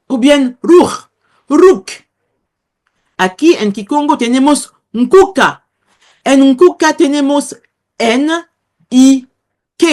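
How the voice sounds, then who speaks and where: Woman professor, high voice, measured unhurried delivery, pauses to find her words. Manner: slow, hesitant, searching for words. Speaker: guest professor. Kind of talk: explaining a language lesson.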